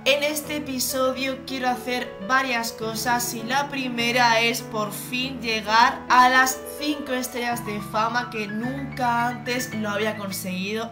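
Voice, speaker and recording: A woman with a Spain Spanish accent giving excitable let's-play commentary, full of squealing exclamations. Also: fairly high pitch. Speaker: gaming YouTuber. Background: game music.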